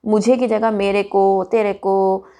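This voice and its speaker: A woman teaching a Hindi grammar lesson for children, pronouncing each word slowly and deliberately. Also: mid-range voice, little pitch movement, mellow, clean tone. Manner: slow and deliberate, drawing out words.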